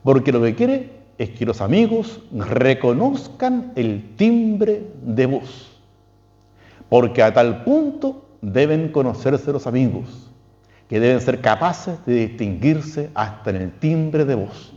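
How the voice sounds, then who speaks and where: Chilean man, priest, lecturing, questioning, long reverb, dull recording. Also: unhurried. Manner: lively, questioning, quotes texts with emphatic pitch leaps. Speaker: priest giving a talk. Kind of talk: spiritual lecture.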